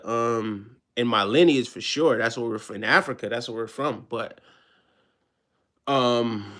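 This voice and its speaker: Chatting on a live stream, a man from Jamaica uses a slangy, casual style and often repeats tag phrases to check that his audience follows along. His voice is mid-range and a bit bright, and he seems touched by the conversation.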